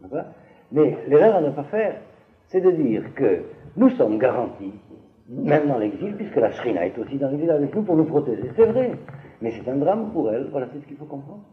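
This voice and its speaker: A man teaching a class on biblical texts, hesitating and restarting, often asking the listeners whether it is clear. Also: medium pitch, very animated, a little fast, narrow, tinny audio.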